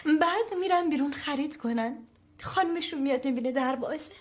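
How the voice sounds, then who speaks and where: Actress doing a deadpan literal secretary, high voice, says everything dead straight. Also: female voice, natural voice. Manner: literal-minded, deadpan, then mocking laughter. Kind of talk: comedy series acting.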